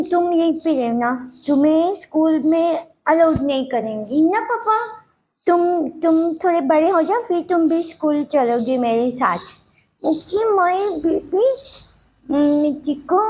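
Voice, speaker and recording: A little girl pleads with her father for her missing mother in a dramatic monologue, played by a woman at an audition. Her voice sits high and she talks slowly, repeating herself like a child. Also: a little mellow, heavily acted. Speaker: actress auditioning.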